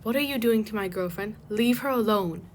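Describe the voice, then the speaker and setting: A woman voicing a defensive, sarcastic teenage boy in a fan story, in her own mid-pitched voice. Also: moderate pace, a little hiss or hum, close to an everyday voice.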